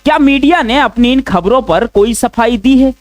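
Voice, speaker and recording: A man's voice: very high-pitched, normal speed, dry recording, faint music behind. A man delivering scripted news commentary, steadily posing pointed rhetorical questions.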